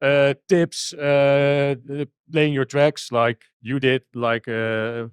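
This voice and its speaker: A man's voice: medium pitch, little pitch movement, takes it slowly, clean tone, no room sound. A Dutch man with a Dutch accent, a techno DJ and producer answering interview questions in a hesitant way with many restarts. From Netherlands. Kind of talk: casual interview.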